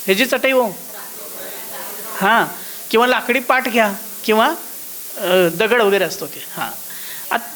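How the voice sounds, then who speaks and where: A high-pitched man with a fairly bright, thin voice leads a devotional course, recorded at low quality with slight background noise. He frequently asks if his listeners are following and sings the notes aloud while explaining them.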